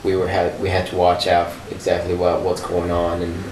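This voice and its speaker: A man's voice: low-pitched, completely flat delivery, normal speed, darkish tone. A man from Sudan recalling his own past in a hesitant, casual way, with many fillers and restarts. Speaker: interviewee. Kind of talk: personal recollection, casual storytelling. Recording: echoey room, mic far off, noisy.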